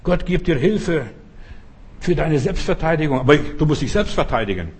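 Husky preacher delivering a fervent, exhorting sermon in a fairly high voice. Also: male voice, expressive, moderate pace. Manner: fervent, exhorting, repetitive appeals.

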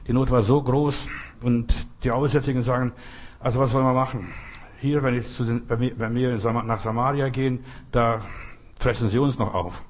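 A man's voice: mid-range voice, steady tone, moderate pace. A man preaching an emphatic sermon, asking the listener rhetorical questions and driving his points home.

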